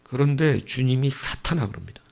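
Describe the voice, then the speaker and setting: A male pastor preaching a sermon, telling the story with animated bursts as he acts out quoted lines. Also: medium pitch, fairly quick, creaky.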